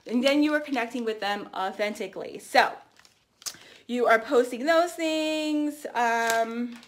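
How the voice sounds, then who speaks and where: Chatty higher-voiced woman giving a training. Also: unhurried, a little hiss or hum. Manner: chatty, energetic, lots of fillers and restarts. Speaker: team trainer. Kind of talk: casual training talk to camera.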